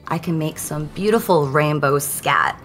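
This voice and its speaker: A woman's voice: sits low, unhurried, a bit bright, soft background music. A young adult woman from Florida telling a confession casually over a video call. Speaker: confession guest caller.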